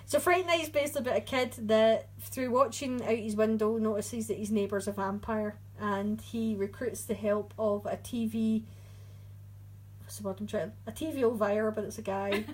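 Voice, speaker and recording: A woman's voice: medium pitch, steady tone, normal speed, low-quality recording. A woman co-hosting a casual podcast chat, chatty and often searching for her words. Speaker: podcast co-host. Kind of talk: casual chat about horror movies.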